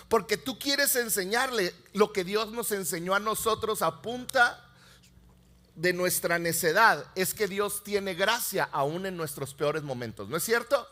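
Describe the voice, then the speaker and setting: A man, preaching a sermon with animated storytelling that swings from loud to hushed. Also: high-pitched. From Mexico. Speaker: pastor.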